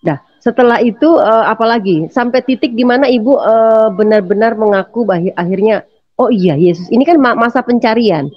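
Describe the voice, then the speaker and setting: A woman interviewing a guest, asking her questions haltingly and searching for words. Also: a little high, dry recording. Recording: dry, dull lo-fi sound.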